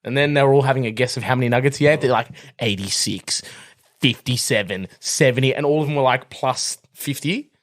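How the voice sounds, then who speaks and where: A man's voice: mid-range voice, steady tone, racing, hardly any pauses. A young Australian man co-hosting a podcast, telling a rambling story full of fillers and laughs in casual chat. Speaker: podcast co-host.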